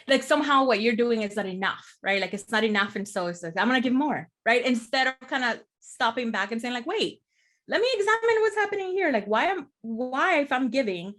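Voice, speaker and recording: A Salvadoran woman who works as a therapist speaks as a guest in a casual podcast conversation, reflective and explanatory, often checking in with "right?". Her voice is fairly high and fairly bright, with big pitch swings and a slightly fast pace.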